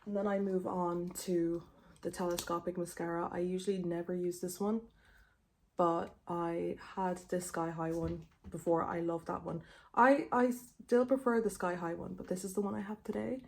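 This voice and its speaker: A woman in her twenties talks through a makeup tutorial in an informal, rambling way. Her voice is soft-edged and relaxed with plenty of creak, and a tongue piercing clicks in her speech. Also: lowish voice, moderate pace. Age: 20s. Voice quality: tongue piercing clicking faintly against teeth. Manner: informal, rambling, frequent filler "like". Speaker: beauty vlogger. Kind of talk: casual chatty makeup tutorial.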